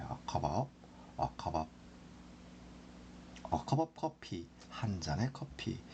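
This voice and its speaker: Male English teacher, lively pitch, slow drilling delivery. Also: creaky, slight background noise. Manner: repeats phrases slowly for drilling. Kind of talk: slow explanatory lesson.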